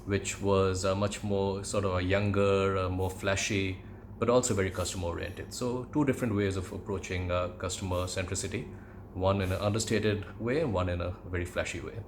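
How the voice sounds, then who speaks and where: A middle-aged man from India with an educated Indian English accent, reminiscing in a conversational monologue with measured, hesitant phrasing. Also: low voice, steady tone, slight background noise. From Calcutta, India. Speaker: podcast host, aviation commentator.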